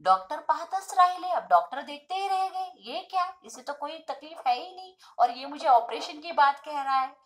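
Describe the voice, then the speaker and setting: A woman tutor explaining a school lesson. She reads each line, then explains it simply in an animated storytelling way. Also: high voice, moderate pace, hardly any pauses.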